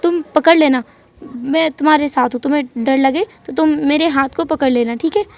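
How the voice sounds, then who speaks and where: A woman's voice: high-pitched, moderate pace, dull audio. A woman voicing a flustered young man who stammers as he denies being scared, in a storybook reading. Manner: stammering, defensive. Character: flustered young man hiding his fear.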